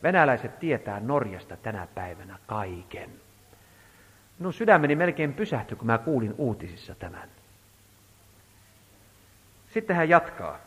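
A man preaching a sermon, telling a story in an emphatic, animated way. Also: mid-range voice, pauses often, husky. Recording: reverberant hall.

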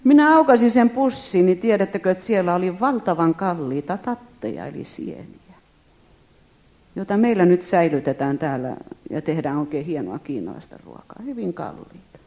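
Lively woman telling a testimony. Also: fairly low pitch, dull audio. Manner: lively, addresses listeners directly. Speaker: speaker giving a testimony. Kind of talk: animated storytelling to an audience.

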